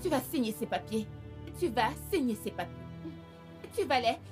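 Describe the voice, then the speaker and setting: A woman's voice: a little high, very animated, moderate pace, over music. An actress in a French film dub playing a menacing woman who bullies someone with threats and barked orders. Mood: threatening. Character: menacing woman forcing someone to sign papers.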